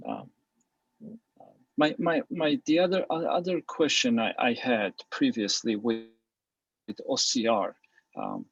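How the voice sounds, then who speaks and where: A man's voice: medium pitch, huge pitch swings, unhurried, vocal fry, pauses often, husky, dry recording, dull audio. A man from Armenia asking questions in an online Q&A, hesitant and searching for words, speaking over a video call.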